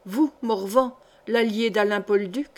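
A woman's voice: mid-range voice, unhurried, lightly acted. A woman reading the part of a proud noble countess in an audiobook, cool, dignified and reproachful.

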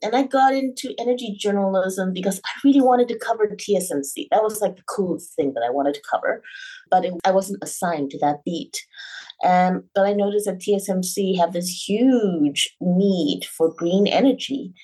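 Woman, science show co-host, bright and chatty, enthusiastic, husky edge, casual conversation. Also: mid-range voice, normal speed, poor audio. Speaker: new co-host, reporter and clean energy advocate.

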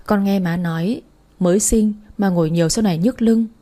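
A tearful young maid in a spoken storybook, put on by a woman narrator. She coaxes and pleads with her mistress in a soft, husky voice. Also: medium pitch, a little fast, natural voice. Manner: pleading, coaxing.

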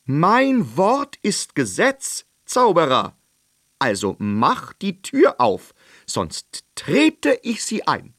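A man's voice: sits high, wildly swooping pitch, very slow, dry recording, studio quality, pitched above the performer's own voice, full character voice. A bellowing, hot-tempered king. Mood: commanding. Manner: loud, bellowing, demanding. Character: blustering, hot-tempered male fairy-tale king.

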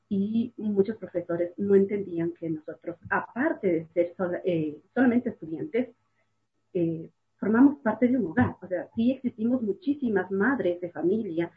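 A woman's voice: lowish voice, husky. A woman, a guest telling of life as a mother and student in casual talk, repeating words for emphasis and using many fillers. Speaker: guest sharing her experience as a mother and student. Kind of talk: casual personal testimony. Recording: tinny phone-like line.

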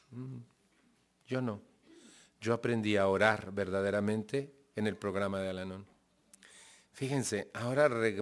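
A man's voice: lowish voice, a bit bright. Mexican man giving a personal testimony. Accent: Mexican Spanish. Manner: conversational, laughs often, checks in with the audience. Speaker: speaker at a recovery group.

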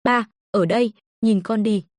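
A woman's voice: medium pitch, unhurried, darkish tone, dry recording, studio quality, close to an everyday voice. A woman narrator voicing the reanimated corpse of a young woman who speaks in an eager, pleading way.

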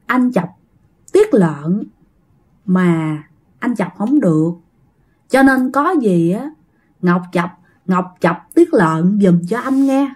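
A woman's voice: medium pitch, lively intonation, slow pace, long pauses, husky, pitched below the performer's own voice. A woman doing a dazed, eerie little boy.

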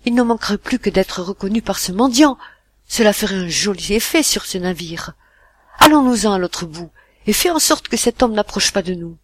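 A harsh, quick-tempered mother, put on by a storybook reader, snapping out orders at a raised, forceful volume. The voice stays husky and a little higher than the narration, sharp and urgent in every line. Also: animated. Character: harsh scolding mother, middle-aged woman, quick-tempered.

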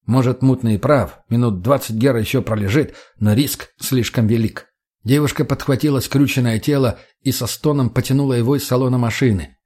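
A man narrating an audiobook in a steady storytelling voice. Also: medium pitch, fairly quick. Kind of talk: scripted narration.

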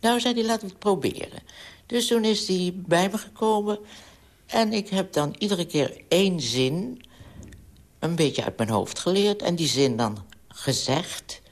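A woman's voice: fairly low pitch, measured pace. An older woman with a Dutch accent, a children's author, reading her own book aloud and chatting in an archival radio interview. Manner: storytelling, lively voices for characters in quotes.

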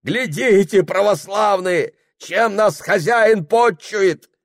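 A man voicing a furious peasant man in bast shoes, yelling in outrage. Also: high-pitched, slow pace, no room sound, studio quality, pitched above the performer's own voice. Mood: enraged shouting.

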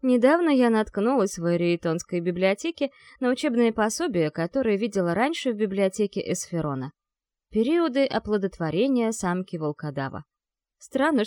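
Woman narrating an expressive fantasy audiobook. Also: no room sound. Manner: acts out characters' lines with lively shifts in pitch.

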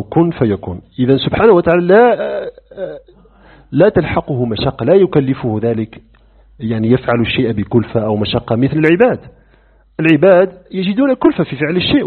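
A religious teacher lectures on creed in a fairly high, breathy male voice, animated as he poses rhetorical questions and acts out dialogues. The audio is narrow, lo-fi, and phone-like.

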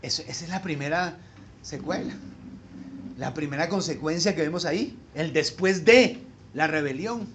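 High-voiced pastor preaching emphatically. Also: male voice, moderate pace, a little hiss or hum. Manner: swings between hushed low asides and loud emphatic peaks; addresses listeners directly with rhetorical questions. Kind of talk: sermon.

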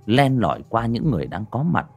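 A man's voice: mid-range voice, sing-song, fairly quick, creaky, highs cut off. A man narrating a horror audiobook in a dramatic storytelling manner. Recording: narration over faint music.

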